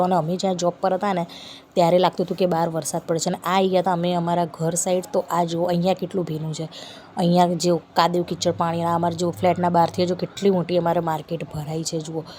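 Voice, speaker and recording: A woman's voice: lowish voice, flat delivery, quick pace, dark tone. A woman in her thirties chatting casually to camera for her family vlog, telling homely stories as she goes about her day. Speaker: family vlogger. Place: at home, then outdoors by a busy street market. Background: rain, traffic and market noise.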